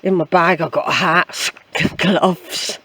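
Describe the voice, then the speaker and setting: A woman's voice: fairly low pitch, fairly even intonation, takes it slowly, pushed and bright, slightly rough, no echo. Older English woman rambling on a walk. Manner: chatty, reflective, repeating phrases. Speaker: hiking vlogger. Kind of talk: casual rambling walk commentary. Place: outdoors on a woodland trail.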